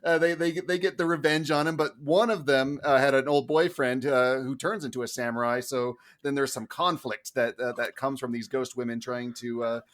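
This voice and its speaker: Halting man recommending a film. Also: medium pitch, fairly even intonation. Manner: halting, filler-heavy recommendation. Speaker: podcast juror. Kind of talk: casual chat.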